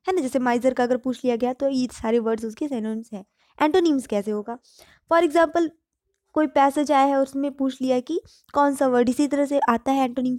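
A woman teaching vocabulary, explaining in Hindi with words mixed in and repeating each word slowly for pronunciation. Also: high-pitched, dark tone, no echo, clean studio sound. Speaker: English teacher. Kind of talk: vocabulary lesson.

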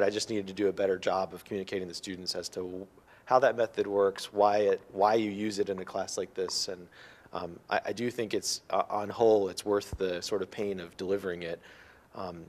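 A man speaking as a faculty panelist, hesitant with many restarts. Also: fairly low pitch. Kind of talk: panel discussion.

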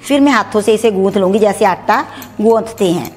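Faint music runs beneath a woman's mid-range, darkish voice as she talks a little fast. She's a middle-aged cooking channel host in her home kitchen, explaining every recipe step in a chatty way that mixes in English words.

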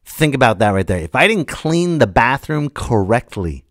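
Speaking with a medium pitch and a sing-song lilt at normal speed, a podcast host in his late thirties rants and tells stories on his own. His manner is casual, blunt and emphatic, full of swearing and acted-out quotes. The studio sound is clean, without echo.

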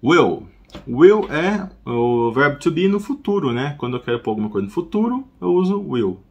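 A man's voice: fairly high pitch, big pitch swings, normal speed. A man with a Brazilian Portuguese accent, a native Portuguese speaker, teaching English vocabulary in a casual lesson, chatty and prone to digressions and self-corrections.

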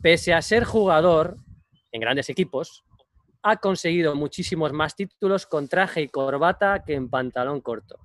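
A man in his thirties from the Madrid region, teasing his co-hosts while slowly reading quiz clues on a video call. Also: on the high side, lively intonation, a bit bright, no room sound, studio quality. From Madrid region, Spain. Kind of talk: casual video-call chat. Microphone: video call with earphones.

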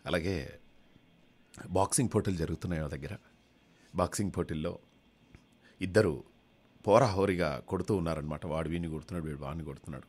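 A man's voice: low voice, a little fast, pauses often, a little mellow, slightly rough. A man, a radio jockey telling jokes in a chatty way. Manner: joking, chatty. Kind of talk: comic storytelling on radio.

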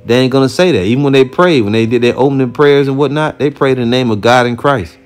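A man giving an informal preaching commentary, blunt and heated with casual profanity, who reads scripture aloud slowly and deliberately. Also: medium pitch, soft background music. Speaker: religious teacher reacting to a video.

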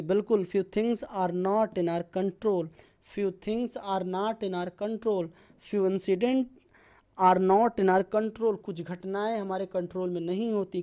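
A man teaching a slide lesson, slowly repeating example sentences and often checking that the class follows. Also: high-pitched. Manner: asks the audience frequent check questions. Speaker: spoken English teacher. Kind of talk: slide-based language lesson.

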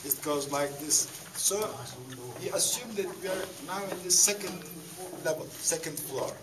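A man working as a tour guide, explaining things to a group in halting short phrases, with an echoing cave sound. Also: sits high. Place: underground rock-cut tunnels and chambers. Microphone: handheld camera some distance away. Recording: echoey cave, distant handheld camera mic, crowd. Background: tour group chatter.

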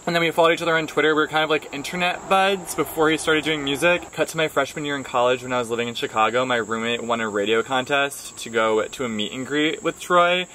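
A man's voice: mid-range voice, fast, few pauses, sharp tone, low-quality recording. A man in his twenties hosting a casual chat and reading out social media figures and comments. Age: 20s. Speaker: host, grandson helping his grandmother with social media. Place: outdoors on a wooden deck. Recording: outdoor recording with clear background insect noise.

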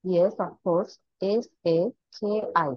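Hesitant low-voiced woman candidate, husky. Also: steady tone, slow, no echo, highs cut off. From Bangladesh. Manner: hesitant, many fillers. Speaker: test candidate. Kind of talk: mock exam answers.

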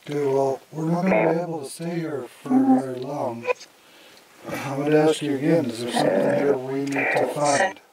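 A man investigating the paranormal at night, putting short, plain questions to spirits with pauses between them. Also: mid-range voice, a loud crowd. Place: outdoors at night in a ruin. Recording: noisy outdoor night recording. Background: animal noises, dogs barking in the distance.

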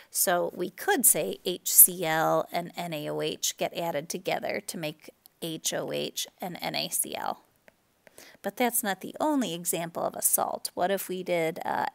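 Gravelly-voiced woman teaching chemistry. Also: lowish voice. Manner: explanatory, relaxed, with fillers and self-corrections. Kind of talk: recorded classroom lecture.

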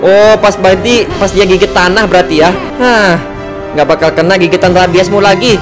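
A man giving excitable let's-play commentary as a gaming channel host, yelping and shouting at the game as he plays. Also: high voice, moderate pace. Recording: game music playing behind.

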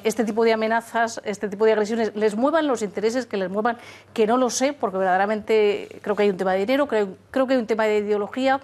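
A woman's voice: medium pitch, a little mellow. Emphatic middle-aged spokeswoman. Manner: emphatic, repeats key phrases. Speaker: spokeswoman, studio guest. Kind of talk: interview answer. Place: TV studio. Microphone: lapel.

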